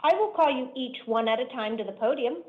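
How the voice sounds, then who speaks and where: A woman judge runs the calendar from the bench in a measured, formal, deliberate manner. Her fairly high voice comes through a dull, lo-fi courtroom recording from a bench microphone. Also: expressive.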